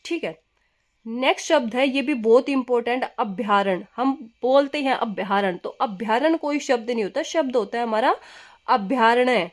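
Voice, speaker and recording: A young adult woman teaching Hindi spelling for exams. She says each word slowly and keeps asking the class what it is. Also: fairly high pitch. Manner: repetitive teacher's questions, keeps asking "क्या है?"; drills words slowly, stressing correct spelling. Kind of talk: exam coaching lesson.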